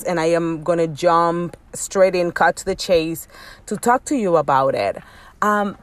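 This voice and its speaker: A woman with a Dominican accent and a slightly low voice hosts a motivational coaching podcast. She talks candidly and directly to her listeners in a conversational way. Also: dry recording. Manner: conversational, direct address, with frequent y'all. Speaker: podcast host and business coach.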